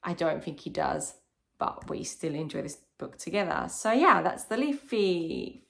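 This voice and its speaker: A woman's voice: low voice, big pitch swings, a little slow, vocal fry, fairly bright tone, slight background noise. A young woman chatting casually and enthusiastically as she recommends children's books, explaining things in simple, rambling phrases. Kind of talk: casual chat, book recommendations.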